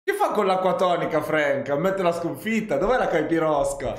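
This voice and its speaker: A man's voice: a little high, big pitch swings, normal speed. A man in his twenties giving casual commentary as he hosts a reaction video. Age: 20s. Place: small indoor room. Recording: echoey, noisy, club crowd from played video. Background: crowd noise from the video he watches.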